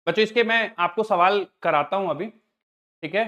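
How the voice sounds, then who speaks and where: A man's voice: high voice, normal speed, sharp tone, muffled recording. A middle-aged man teaching maths to a class, patient, often checking whether the students follow on the terms. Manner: patient, addresses students as children, asks frequent check questions.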